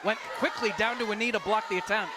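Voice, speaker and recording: A man calling live wrestling play-by-play, excited and clipped, often raising his voice to a shout. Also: high voice, fast talker. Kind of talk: live sports commentary. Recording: loud crowd and noise behind. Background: wrestling crowd.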